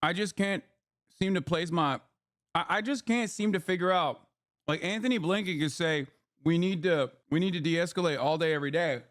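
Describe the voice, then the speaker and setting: Man, fairly high voice, heated, sarcastic, cursing streamer, dry close sound. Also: normal speed, fairly bright tone, dry recording. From Turkey. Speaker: streamer reacting to news clips. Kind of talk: live stream commentary.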